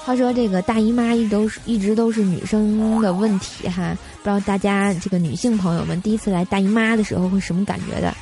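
A woman's voice: mid-range voice, steady tone, fast talker, hardly any pauses, mellow, soft background music. A young woman from Tianjin, China, hosting a comedy show and telling funny stories in a chatty, giggly way. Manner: chatty, giggly, piles on filler words. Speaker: comedy radio host. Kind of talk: comic storytelling.

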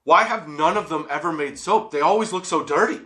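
A man's voice: fairly high pitch, a little fast, bright, forceful tone. A man hosting a casual, comedic solo podcast, stoned and rambling, giggly, drawing out the odd word. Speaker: podcast host.

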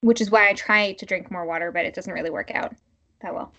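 A woman podcast co-host chatting casually and informally in a halting, filler-heavy way. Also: mid-range voice, sharp tone.

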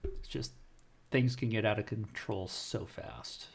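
A man co-hosting a casual podcast chat, giving measured, thoughtful answers. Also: on the low side, creaky, slight background noise. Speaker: podcast co-host.

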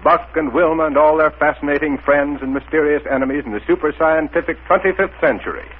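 A man's voice: a little high, fast, breathy edge. A man speaking as an old-time radio announcer, theatrical and salesman-like, on a muffled 1930s radio recording.

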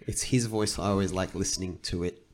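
A man's voice: sits low, steady tone, brisk. Man rambling through a casual podcast chat. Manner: rambling, thinking aloud, retelling stories. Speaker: podcast co-host.

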